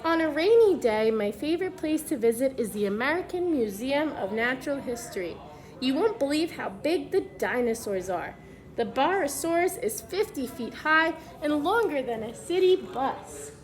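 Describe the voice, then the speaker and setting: A woman reading a picture book aloud to young children, pausing to explain things simply as a preschool teacher would. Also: high-pitched, big pitch swings.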